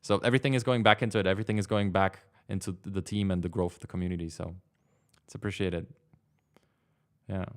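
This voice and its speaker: A man's voice: sits low, fairly even intonation, fast, clear, resonant tone. A young man in his twenties hosting a casual livestream from his desk, rambling and leaning on fillers as he answers chat. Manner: rambling, filler-heavy, lots of "like". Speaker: livestream host. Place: home studio desk.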